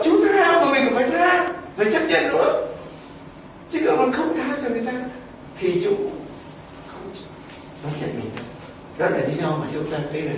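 Animated priest preaching in an echoey church. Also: male voice, sits high. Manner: animated storytelling, rhetorical questions. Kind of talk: sermon. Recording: echoey church, distant mic, faint noise.

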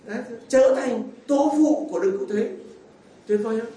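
Warm in tone, with an extremely high pitch and normal speed, this priest's homily moves through folksy stories and rhetorical questions aimed at his listeners. The echoey church sound was captured from a distance.

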